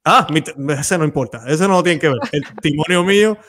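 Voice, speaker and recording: Man, Mexican accent, host, higher voice, casual and inviting. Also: a little fast, a bit bright. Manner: chatty, inviting, loses his thread. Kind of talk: live-stream hosting.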